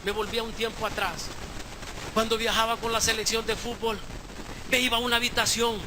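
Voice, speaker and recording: Male pastor, sermon, very high voice, impassioned, hushed to shouting, noisy live church recording. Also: flat delivery, brisk. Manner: impassioned preaching, swinging from hushed storytelling to shouted exhortation. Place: church service, live stream.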